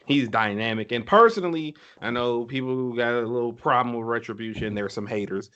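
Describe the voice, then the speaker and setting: A man's voice: medium pitch, fairly quick, sharp tone, smooth, highs cut off. Enthusiastic man, rambling podcast host. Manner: enthusiastic, rambling with fillers and restarts. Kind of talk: casual chat.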